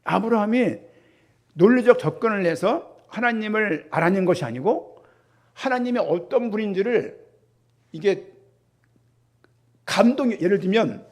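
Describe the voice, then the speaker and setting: Pastor, male, middle-aged, high voice with a husky edge, lively preaching to a congregation. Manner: animated preaching with rhetorical questions to the congregation. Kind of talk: sermon.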